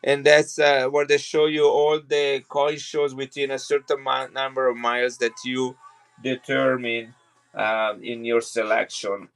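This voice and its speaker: An Italian man sells coins on a live stream, chatting casually and rambling with frequent restarts. His medium-pitched voice is flat, unhurried, and a bit bright.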